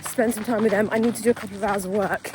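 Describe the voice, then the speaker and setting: A woman's voice: medium pitch, fairly even intonation, very fast. Woman, 30s, casual chatty vlogger, handheld camera, swears a lot, light noise behind. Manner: chatty, swears freely, laughs often. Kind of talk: casual vlog talk to camera.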